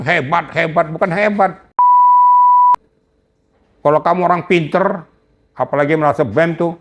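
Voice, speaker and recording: A man's voice: mid-range voice, a little hiss or hum. Older male interview guest, indignant and emphatic, lecturing tone. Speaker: retired police general, guest. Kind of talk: heated interview talk.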